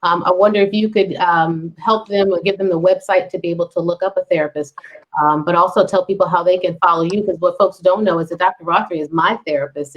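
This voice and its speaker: A woman hosting a live webinar panel over a video call, brisk and encouraging toward her guests. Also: fairly low pitch, dull audio. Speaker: host.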